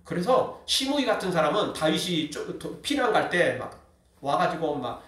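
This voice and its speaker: Male pastor preaching with emphatic, animated delivery; very reverberant hall recording. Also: a little high, moderate pace. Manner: emphatic, keeps dropping in a short "yes" between phrases. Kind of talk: sermon. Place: church sanctuary. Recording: very echoey hall, distant mic.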